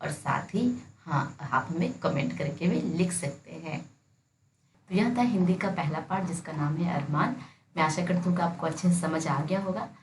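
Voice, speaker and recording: A woman's voice: fairly low pitch, normal speed, darkish tone. A woman teacher explaining a textbook lesson to students, patiently addressing them directly. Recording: echoey room with faint noise.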